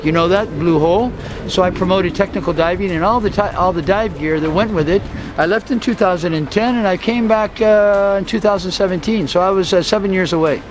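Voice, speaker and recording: A man in his sixties from the US, telling his story outdoors in an unhurried, rambling way with many fillers. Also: sits high, noisy background. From USA. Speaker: interviewee, street vendor. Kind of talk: casual storytelling interview. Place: outdoors on a town street. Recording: travel video with loud music bed. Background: loud background music.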